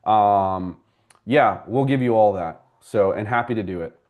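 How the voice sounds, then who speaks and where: A man with a fairly low voice leads a live class on buying a home. He works through audience questions one by one in a relaxed, conversational way, calling people by name as he explains. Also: measured pace. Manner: conversational, explains step by step and addresses viewers by name. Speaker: mortgage broker and class host.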